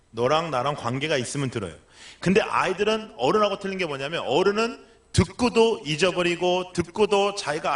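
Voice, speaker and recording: A middle-aged male pastor preaching a sermon, telling a story and acting out the lines of the people in it. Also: high-pitched.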